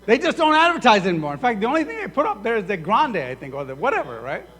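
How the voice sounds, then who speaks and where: A man from Sudan preaches quickly in a high voice, the church sanctuary giving the audio an echoey reverb. Animated throughout, this pastor acts out both speakers in imagined conversations.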